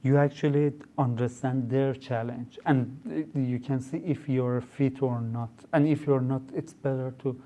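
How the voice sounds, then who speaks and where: On a podcast, a young startup founder with a Persian accent explains things in a conversational interview, full of fillers, hesitations and mid-sentence restarts. His warm, medium-pitched voice has fairly even intonation and normal speed with hardly any pauses, and the recording sounds muffled.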